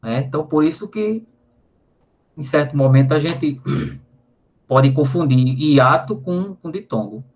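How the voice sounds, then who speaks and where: A man's voice: fairly high pitch, expressive, a little slow, pauses often, a little mellow. A Brazilian man with a Brazilian Portuguese accent, a teacher explaining grammar in a recorded online lesson, often adding tag questions and spelling out syllables. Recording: slightly dull lo-fi audio.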